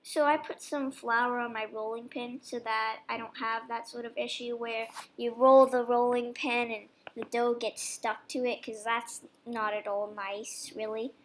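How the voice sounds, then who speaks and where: In this casual cooking voice-over, a vlogger baking dog treats speaks at a measured pace with few pauses. Her voice is on the high side, with a little hiss or hum behind it. She's young, chatty and relaxed, laying out the process one step at a time.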